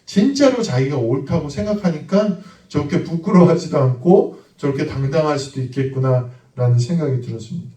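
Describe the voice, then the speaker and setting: A pastor preaches in a fairly high man's voice, moving from a relaxed story to emphatic preaching. The sound is roomy and echoing, picked up from some distance off the mic, as in a church sanctuary. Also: brisk, hardly any pauses. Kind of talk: sermon. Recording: echoey room, mic at a distance.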